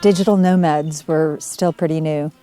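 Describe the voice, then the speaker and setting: A woman's voice: low voice, steady tone, normal speed, music in the background. An American woman from Montana, chiming in briefly and finishing her partner's sentences in a casual interview. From Montana, USA. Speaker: interviewed traveler.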